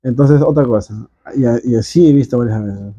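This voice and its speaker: Husky, dark-voiced male interviewer. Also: mid-range voice, a little fast, lo-fi sound. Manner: brief backchannels, finishes the guest's thoughts. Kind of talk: casual interview.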